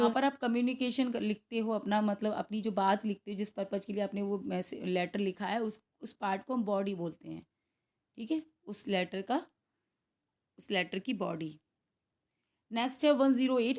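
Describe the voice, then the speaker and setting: Indian lady teacher going thru practice questions, hindi and english mixed, reads questions out slow, keeps saying okay?. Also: mid-range voice, darkish tone. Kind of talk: exam-prep lesson going through practice questions.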